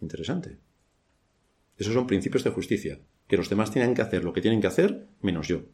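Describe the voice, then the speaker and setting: A man's voice: on the low side, quick pace, a little mellow. A man from Spain with a Spanish accent preaching a church sermon, asking rhetorical questions and adding dry ironic asides.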